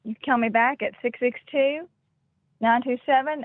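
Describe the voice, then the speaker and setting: A woman's voice: high-pitched, moderate pace, no room sound. A woman leaving a terse, businesslike voicemail, played back through a phone line. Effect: voicemail played back over a phone line.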